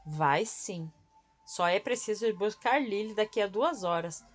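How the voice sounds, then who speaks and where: A woman's voice: medium pitch, lively intonation, a little slow, lightly acted. A woman reading the lines of a blunt, bossy young man in an audiobook. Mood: curt. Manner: curt, commanding.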